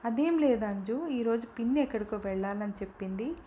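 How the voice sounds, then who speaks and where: A woman reading the lines of a father who coaxes his young daughter, speaking softly and patiently in a storybook reading. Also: on the high side, expressive, fairly quick, a little hiss or hum, lightly acted. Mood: coaxing. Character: loving but harried father, adult man.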